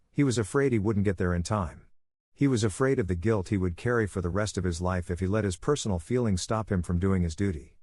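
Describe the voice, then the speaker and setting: Low-voiced man narrating a story. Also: a little mellow, dry recording, studio quality.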